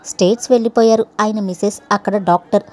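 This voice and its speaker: A woman reading the lines of a polite young male office worker in a storybook, in her own even voice, dropping English phrases. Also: medium pitch, quick pace, close to an everyday voice. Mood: calm. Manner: courteous, mixes English phrases.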